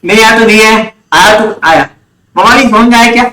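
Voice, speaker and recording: High-voiced guy teaching math online, keeps asking the class questions, echoey room. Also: brisk. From India. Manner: lively, quizzes students, repeats key terms. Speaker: commerce teacher. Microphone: online class recording.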